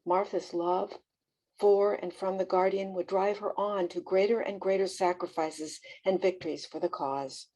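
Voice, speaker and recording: A woman presenting a devotional fireside, reading a biographical narrative aloud in a measured, expressive way. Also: mid-range voice, poor audio.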